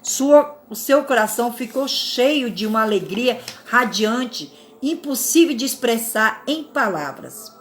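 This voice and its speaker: A woman reads a spiritual fable aloud, calm and measured. Her voice sits fairly high, and she now and then corrects a slip. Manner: calm, measured reading with small slips and self-corrections. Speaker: narrator.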